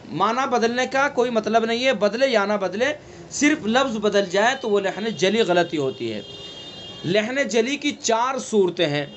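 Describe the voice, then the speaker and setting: A man with a Delhi Urdu accent teaching an online Quran recitation class, explaining slowly and repeating each point, asking questions and answering them himself. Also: high-pitched, a little hiss or hum. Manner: slow, repetitive teaching, asks and answers own questions. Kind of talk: online tajweed class lecture.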